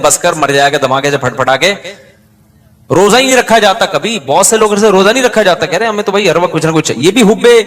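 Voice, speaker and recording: Male preacher, higher-pitched, sermon storyteller who acts out quotes with humor. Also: fairly bright tone. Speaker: Islamic preacher.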